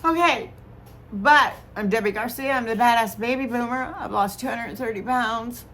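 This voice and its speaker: A woman's voice: fairly high pitch, normal speed, a bit bright, a little hiss or hum. Chatty, tipsy woman in her sixties. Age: 60s. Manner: chatty, rambling. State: slightly tipsy. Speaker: vlogger. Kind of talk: casual chat.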